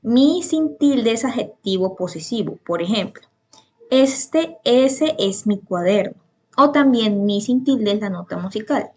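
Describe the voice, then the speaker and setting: A woman's voice: on the high side, expressive, a little slow. A woman teaching a spoken grammar lesson, patiently explaining rules with many examples and occasional restarts.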